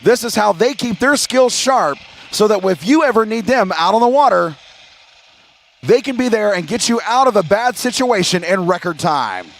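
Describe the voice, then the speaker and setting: An American man doing airshow commentary as the announcer, addressing a crowd in a showman's style with drawn-out emphasis. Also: high voice, animated.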